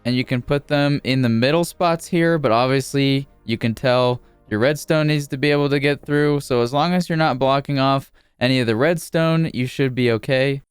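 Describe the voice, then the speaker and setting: A man narrating a casual game building tutorial as a YouTuber, speaking informally in a steady, repetitive cadence. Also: medium pitch, normal speed, hardly any pauses, clear, resonant tone, no echo, faint music behind.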